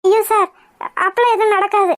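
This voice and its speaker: A woman's voice: very high voice, fairly even intonation, quick pace. A woman voicing a nervous young nanny in a village cartoon, pleading and anxious.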